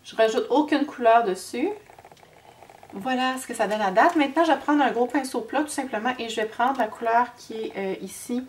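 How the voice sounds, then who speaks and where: A woman's voice: a little high, normal speed. A woman with a Québécois French accent and a head cold, talking through a makeup tutorial in a chatty, hesitant way full of fillers and slips. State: has a cold. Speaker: beauty vlogger. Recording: distant mic with faint noise.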